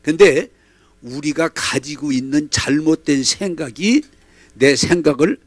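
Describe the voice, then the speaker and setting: Leading his church congregation in repeating his lines, a male pastor gives an animated, dramatic sermon. He talks a little slowly in a slightly high voice, recorded with no room sound.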